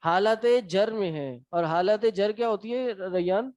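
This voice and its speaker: A man with a Pakistani Urdu accent teaching a lesson, quizzing his students in a brisk, encouraging way. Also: high-pitched, a little mellow, dry recording. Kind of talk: classroom lecture. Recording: dry, slightly dull sound.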